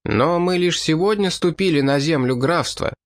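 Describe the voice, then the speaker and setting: A man reading an audiobook, voicing a shaken, gentle male companion who pleads and protests in an indignant way. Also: a little high, expressive, normal speed, no echo, pitched above the performer's own voice. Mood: dismayed.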